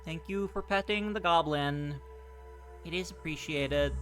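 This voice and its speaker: Higher-voiced man streaming over game music. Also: a little slow, fairly bright tone. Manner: informal, chatty, wry, swears casually. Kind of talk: casual livestream game commentary.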